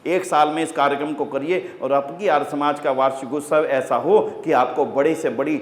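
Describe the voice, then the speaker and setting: A man giving an impassioned religious speech to a congregation, exhorting them and rising to loud peaks. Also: a little high, steady tone, normal speed. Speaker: Arya Samaj speaker. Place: large hall. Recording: echoey hall, long reverb.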